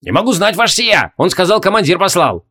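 A man's voice: high voice, big pitch swings, fairly quick, sharp tone, slightly rough, pitched above the performer's own voice, full character voice. A man voicing a big, eager, simple-minded young soldier who barks his answers in rustic speech, in an audiobook. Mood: eager barking.

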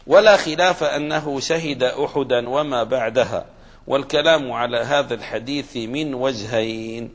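A man giving a religious lesson on hadith commentary, explaining patiently and spelling out the vowels of names with care. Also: mid-range voice. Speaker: religious teacher. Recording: reverberant hall.

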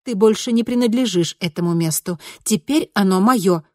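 A woman voicing an eerie teenage double of a girl, speaking calmly with cool mockery. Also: mid-range voice, moderate pace, voice pushed up, natural voice. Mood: cold, calm. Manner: calm, coolly mocking.

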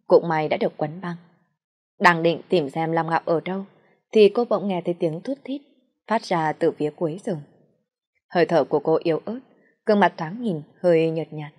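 A woman narrating an audiobook in a steady storytelling read. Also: lowish voice. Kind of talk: scripted narration.

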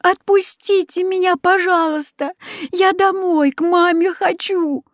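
A scared little girl pleads in a high, wavering, tearful voice, her words slow and mellow in tone, as a woman reading a storybook puts her on. She begs and protests without letting up. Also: no room sound, clean studio sound. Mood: pleading.

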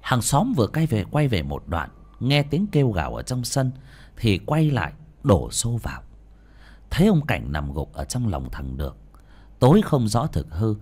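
A man's voice: on the low side, moderate pace, slightly rough. A man narrating an audiobook story dramatically. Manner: dramatic, expressive.

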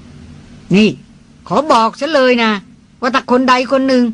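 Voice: high voice, takes it slowly, fairly bright tone, pitched above the performer's own voice. Reader voicing a firm brother, emphatic warning, raised voice, insistent. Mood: threatening. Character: firm elder brother issuing a threat.

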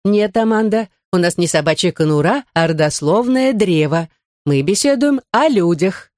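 A woman voicing a stern, irritable female kindergarten teacher who scolds sharply and turns shrill. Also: lively intonation, normal speed, darkish tone, dry recording, studio quality, natural voice. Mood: scolding.

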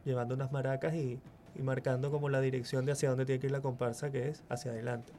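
With a little hiss or hum on the recording, a muralist in his forties, originally from Chile, gives a radio interview in a fast, level, mellow mid-range voice. He is hesitant, repeating words while he looks for what to say.

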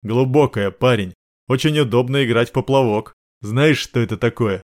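A man's voice: medium pitch, normal speed, lightly acted. A man voicing a crude, mocking male gangster guard.

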